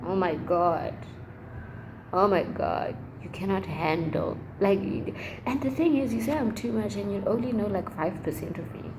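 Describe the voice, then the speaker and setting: A young adult woman chatting casually as a vlogger, rambling and expressive, with emphatic, slangy phrasing. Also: mid-range voice, normal speed. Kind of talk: casual chat to camera. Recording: noticeable background noise.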